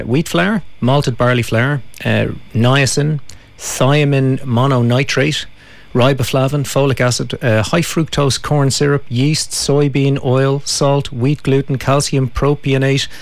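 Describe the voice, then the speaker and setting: Male radio host, chatty and enthusiastic, easygoing studio chat. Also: medium pitch. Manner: chatty, enthusiastic, tasting food on air.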